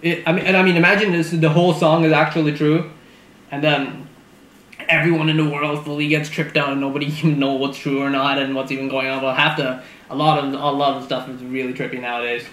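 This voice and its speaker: A man's voice: fairly high pitch, little pitch movement, a little fast, fairly bright tone, echoey room, rough recording. A man hosting a reaction video, rambling casually with restarts and bursts of laughter. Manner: rambling, restarts often, laughs between thoughts.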